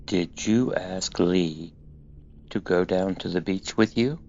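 Police detective, played by a man: low-voiced, unhurried, terse and procedural, muffled interrogation-tape sound. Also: a little mellow. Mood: flat, probing. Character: male police detective questioning a suspect, flat and methodical.

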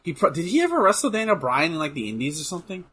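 A man's voice: fairly high pitch, big pitch swings, racing, sharp tone, slight background noise. A young man casually chatting and joking while playing a game, swearing and laughing often. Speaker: co-host. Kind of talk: casual gaming chat with commentary.

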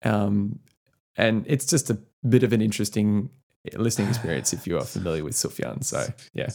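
Gravelly low-voiced man chatting about music. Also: lively intonation, fairly quick, a little mellow. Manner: rambling, filler-heavy, enthusiastic about music. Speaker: podcast co-host. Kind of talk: casual music chat.

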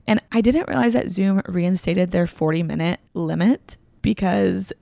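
Chatty woman podcast host with vocal fry. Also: fairly low pitch, normal speed, mellow, no room sound. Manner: chatty, gushing, lots of filler "like". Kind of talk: casual podcast intro and interview. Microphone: remote call recording.

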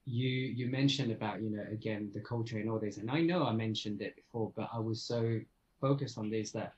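A man's voice: on the low side, fairly quick, a little mellow, dull audio. A man from France, a podcast guest, speaking earnestly and reflectively in casual chat.

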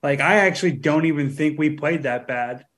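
A man's voice: a little high, normal speed, fairly bright tone, rough recording. Profane rambling podcast co-host man. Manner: rambling, profane, laughing often. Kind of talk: casual crude banter.

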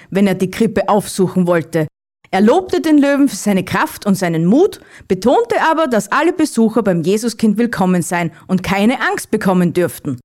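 A woman narrates a children's Christmas story in a calm, even voice. She reads steadily, at a mid pitch, like a host of a kids' advent audio series. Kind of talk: reading a children's story aloud.

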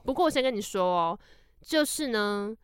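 A woman hosting a podcast, retelling a folk tale in casual, animated, jokey chat. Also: mid-range voice, normal speed, clean tone, dry recording, studio quality. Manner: animated, jokey, laughs often. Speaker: podcast host.

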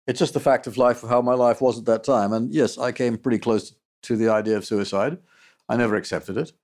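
An older man, recalling his past as an interview guest in a halting, reflective way. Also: medium pitch, fairly even intonation. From United States. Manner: halting, with restarts and soft trailing endings. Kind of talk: reflective personal recollection.

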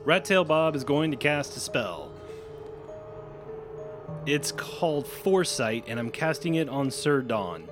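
A man's voice: on the high side, lively intonation, a little slow, long pauses, music in the background. A man playing a tabletop game, explaining spell rules at length. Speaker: player.

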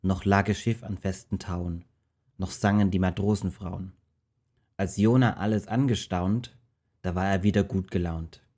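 Man, storyteller, rhymed verse reading, steady rhythm, low warm voice. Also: a little slow.

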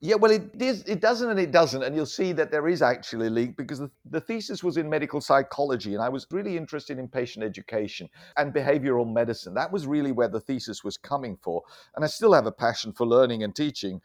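With a medium-pitched, expressive voice and a quick pace, a middle-aged doctor from Germany, raised outside the country, recounts his life in a conversational interview. He talks reflectively, explains with care, and often repeats himself.

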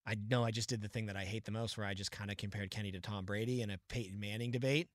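A man co-hosting a casual sports podcast, talking in an animated, opinionated way with quick asides. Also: fairly low pitch, no room sound, studio quality. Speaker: podcast co-host.

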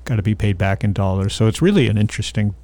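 A man's voice: on the low side, animated, fast talker, darkish tone, no room sound. A man interviewing in a casual, opinionated way, often repeating short phrases. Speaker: interviewer and investor.

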